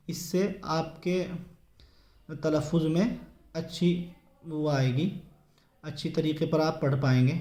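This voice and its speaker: A male teacher talks his viewers through a reading lesson with patient, repeated explanations. His voice sits high for a man yet sounds mellow and soft-edged. The room around him rings with a noticeable echo. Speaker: Quran teacher.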